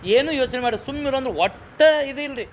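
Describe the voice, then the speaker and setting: A middle-aged man with a North Karnataka Kannada accent giving a public moral lecture, full of lively rhetorical questions and folksy home anecdotes. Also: very high-pitched, brisk, a little hiss or hum.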